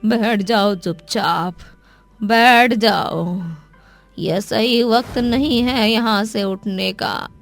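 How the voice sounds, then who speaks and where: A woman puts on a panicked old woman in a cartoon horror story, her voice a touch high as she drags out each warning in slow, shaky words. She mutters of death and doom again and again. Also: creaky, soft background music, full character voice. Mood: pleading.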